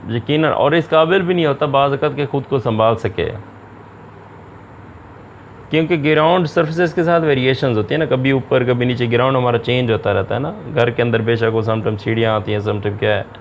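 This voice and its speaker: A man giving a recorded lecture, reading out English lines slowly, then explaining them quickly in his own words. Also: mid-range voice, dull audio, a little hiss or hum.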